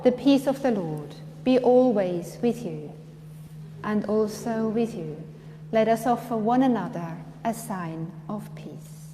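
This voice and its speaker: A woman's voice: mid-range voice, expressive. Woman priest with a cathedral echo. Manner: measured, formal intoning. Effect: cathedral echo, long church reverb. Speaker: priest leading the service. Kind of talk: liturgical presiding. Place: large church. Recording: church reverb with faint hum.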